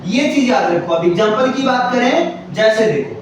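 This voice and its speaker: A man's voice: very high voice, expressive, normal speed, noisy background. A male teacher giving a classroom grammar lesson, repeating his points, spelling words out letter by letter and often checking that students understand. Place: classroom with students answering together. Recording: very echoey classroom from far off.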